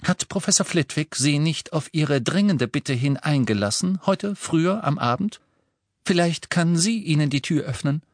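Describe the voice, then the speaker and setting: A man's voice: a little high, lively intonation, moderate pace, no room sound, pitched above the performer's own voice. A man voicing a stern older schoolmistress. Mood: coolly sarcastic. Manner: dry, formal, cutting politeness. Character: stern dignified older woman teacher, cool and sharp.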